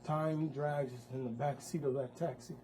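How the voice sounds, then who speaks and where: A man's voice: fairly high pitch, steady tone, moderate pace, dark tone, a little hiss or hum, low-quality recording. A man narrating his own story in a one-man stage show, vivid and with wry asides. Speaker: performer.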